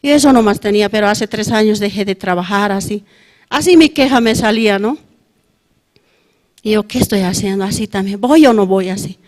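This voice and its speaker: A woman's voice: mid-range voice, fairly quick, darkish tone. Bolivian woman telling her church testimony. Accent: Bolivian Spanish. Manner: ends nearly every phrase with a questioning tag, plain conversational storytelling. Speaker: church member giving testimony. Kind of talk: testimony at a prayer service.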